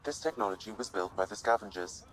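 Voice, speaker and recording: An actor voicing a calm male AI companion in a video game, speaking in a measured, even, informative way. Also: fairly low pitch, lightly acted, poor audio. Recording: game audio with loud noise.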